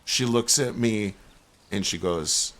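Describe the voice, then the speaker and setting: Streamer, male, lower voice, swears freely, animated storyteller who acts out the people in his stories. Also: slow pace. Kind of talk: casual storytelling on a gaming stream.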